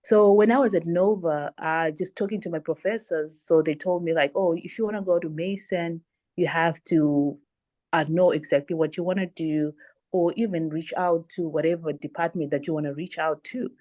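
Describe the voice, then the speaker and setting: Low-voiced woman from Zimbabwe. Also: steady tone, normal speed, darkish tone. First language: not English. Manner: hesitant, with frequent restarts and fillers. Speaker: panelist. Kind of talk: casual conversational interview answers.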